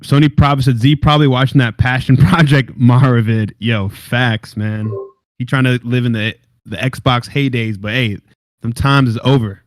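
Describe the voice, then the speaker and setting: A man's voice: medium pitch, fairly even intonation, normal speed, dry recording. Laid-back slangy young man hosting a podcast. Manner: slangy, laid-back, steers the show and giveaways. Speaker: podcast host. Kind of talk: casual gaming podcast chat.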